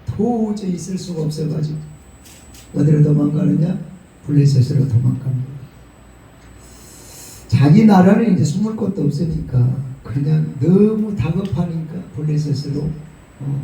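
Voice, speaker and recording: A man with a Gyeongsang accent preaching a sermon, telling the story in a lively way and acting out the quotes. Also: fairly high pitch, recorded from a distance. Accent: Gyeongsang Korean. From Gyeongsang region of Korea. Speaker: pastor. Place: prayer retreat hall. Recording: very echoey hall, voice from off the mic.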